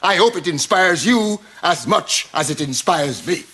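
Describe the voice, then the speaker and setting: A man's voice: on the high side, expressive, a little slow, noisy background. A middle-aged man with a Guyanese accent, bossy and fussy, giving instructions in a sitcom. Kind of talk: sitcom acting.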